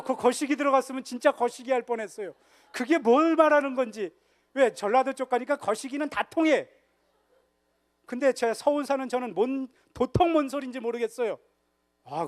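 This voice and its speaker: Man, high voice, lively church-retreat lecturer who teases the crowd with questions. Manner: jokes and quizzes the audience. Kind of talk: humorous church history lecture. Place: church hall.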